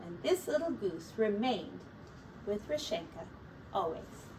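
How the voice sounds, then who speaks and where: Here a woman teacher shares a picture book with young children, reading in a deliberate, expressive storytelling style. Her voice falls in the mid range, heard through a distant mic with faint background noise.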